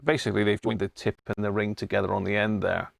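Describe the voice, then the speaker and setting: A creaky, fairly low voice with a level tone and quick pace comes from a middle-aged Englishman hosting a radio hobby live stream. He rambles informally and thinks aloud while demonstrating. His wireless body-pack mic yields a dry, studio-quality recording.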